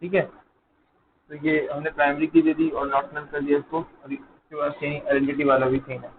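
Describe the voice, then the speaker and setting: A man's voice: fairly high pitch, flat delivery, moderate pace, phone-quality sound. Man, coding teacher, live online lecture, talks while typing, thin call-line audio, faint hiss. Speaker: programming teacher. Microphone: close mic, dull over an online call.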